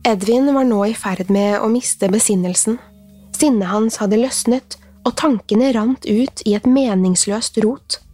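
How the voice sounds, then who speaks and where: A woman reading a scripted horror story in a hushed, suspenseful storytelling manner, with faint music behind her. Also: fairly high pitch. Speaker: narrator.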